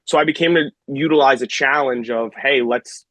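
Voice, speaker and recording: A young man in his twenties talks in a rambling, halting way over a call, with his words choppily cut off and dropping out. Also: mid-range voice, a bit bright, dry recording. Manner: rambling, halting, self-correcting. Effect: choppy connection, words cut off and dropping out. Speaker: guest on a remote call. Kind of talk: casual reflective conversation. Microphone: distant microphone on a call.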